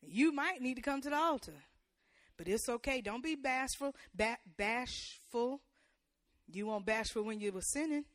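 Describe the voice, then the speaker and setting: A woman preacher delivering a sermon in church. She uses call-and-response and playful asides to the congregation, and her preaching builds to loud, emphatic peaks. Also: sits high, expressive, fairly quick, dry recording.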